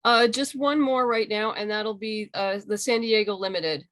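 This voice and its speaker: On a video call, a comic book writer and audio drama creator talks casually and with enthusiasm while being interviewed about her work. She speaks at a moderate pace with a medium-pitched, fairly bright voice.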